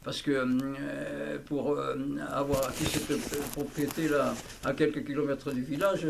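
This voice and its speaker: An elderly man from southwest France talks casually and haltingly, repeating himself, recorded by a hidden microphone. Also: mid-range voice, flat delivery, vocal fry. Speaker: interviewee, childhood friend recalling the past. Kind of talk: casual conversation, reminiscing. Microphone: hidden camera microphone. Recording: noisy candid hidden-mic recording, clicks.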